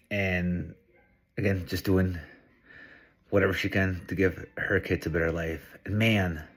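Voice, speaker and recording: A middle-aged man from Peru, talking to camera in a casual, earnest, reflective monologue. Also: low voice. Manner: earnest, reflective, thinking aloud. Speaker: vlogger.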